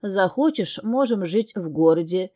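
A woman reading the lines of a possessive immortal male suitor, calm, smug and insistent. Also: mid-range voice, measured pace.

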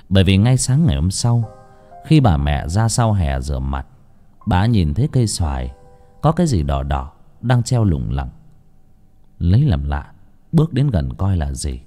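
A man narrating a dramatic audio story in an expressive storytelling manner. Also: deep voice.

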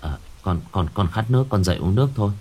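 A man voicing a shaken young son who stammers quietly. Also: low-pitched, lively intonation, fast, husky. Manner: stammering, subdued.

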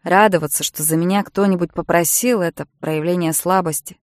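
A woman's voice: lowish voice, steady tone, brisk, no echo, close to an everyday voice. A woman voicing a proud, stubborn teenage boy in an audiobook, using her own everyday voice. The recording is dry and close. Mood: tense.

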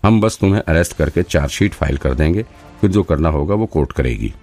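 A man voicing a calm male police officer who patiently explains procedure, in an audiobook. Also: rumbling low, fairly quick, faint music behind. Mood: explaining.

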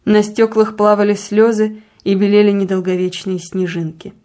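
A woman narrating a literary story in a measured, calm reading voice. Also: mid-range voice. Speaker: audiobook reader.

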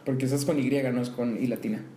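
A man's voice: medium pitch, steady tone, fast talker. A Costa Rican man, a guest on a casual interview, laid-back and dry, giving brief replies. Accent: Costa Rican Spanish. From Costa Rica. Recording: echoey room with faint noise.

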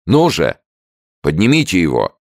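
A man's voice: fairly low pitch, sing-song, moderate pace, no echo, studio quality, pitched above the performer's own voice. A bellowing army sergeant, as a man reads him. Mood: commanding. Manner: shouted orders. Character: barking male army sergeant, harsh and bullying.

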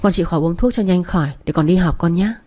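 Gentle middle-aged mother, as a woman reads her. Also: fairly low pitch, quick pace, natural voice. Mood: tender. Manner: soft and soothing, coaxing.

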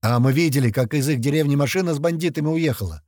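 A man voicing a blunt, rough adult villager telling what happened in a gruff, plain way. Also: a little high, fast, darkish tone, dry recording, clean studio sound, voice pushed up, close to an everyday voice.

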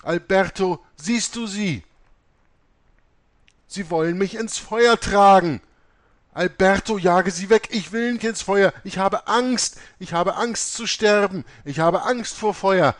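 A man's voice: mid-range voice, animated, unhurried, dry recording. A man reading aloud voices a young dying mother who is terrified of visions and begs her son for help in panicked, shrieking pleas. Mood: screaming terror.

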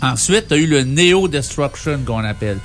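A man's voice: a little high, expressive, moderate pace, fairly bright tone. Quebec French man chatting over music. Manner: informal, joking, wry. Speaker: music show co-host. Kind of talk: casual album review chat.

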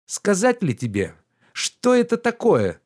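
A man voicing a pampered, idle middle-aged gentleman who lectures his servant in a shrill, indignant tone. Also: huge pitch swings, a little slow, heavily acted. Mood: indignant lecturing.

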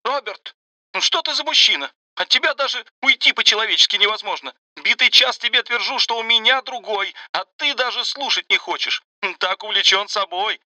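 A man reading an audiobook, voicing a young woman who squeaks through tears and snaps in anger. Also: animated, moderate pace, no echo, heavily acted. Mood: angry. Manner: sobbing, high and squeaky, turning sharp. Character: young woman Sveta, tearful then angry. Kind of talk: audiobook narration with voiced dialogue.

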